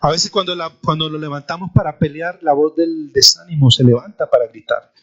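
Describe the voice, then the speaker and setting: A man's voice: fairly high pitch, brisk, fairly bright tone. A man, a pastor preaching a sermon with an emphatic, repetitive cadence in church. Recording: dull lo-fi church recording.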